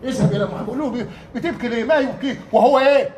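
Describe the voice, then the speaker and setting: A man with an Egyptian accent giving a Friday sermon in a mosque, often asking rhetorical questions that the crowd finishes, lively and emphatic. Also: extremely high pitch, rapid-fire. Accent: Egyptian Arabic. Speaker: preacher. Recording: echoey hall, mic at a distance.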